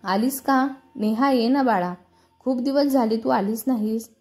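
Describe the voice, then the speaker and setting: A caring middle-aged mother speaks in a fond, reasoning tone, voiced by a woman narrator. The voice is mellow and fairly high, with faint music underneath. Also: unhurried.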